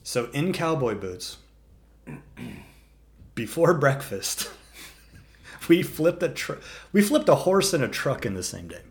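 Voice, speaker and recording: A young man in casual conversation, recounting a wild adventure with lively energy. He swears freely, peppers his speech with "dude", and slips into quick impressions of the people in the story. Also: mid-range voice, gravelly. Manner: animated, profane, says "dude" a lot, acts out quotes. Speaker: storyteller guest.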